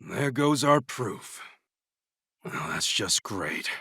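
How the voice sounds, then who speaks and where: Little gruff creature detective in a game, really gravelly, wry, laid back talk. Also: male voice, on the low side, sing-song, slow pace, full character voice. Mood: wry, frustrated. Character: small male Pikachu detective, gruff, coffee-loving, wry. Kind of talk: video game cutscene acting.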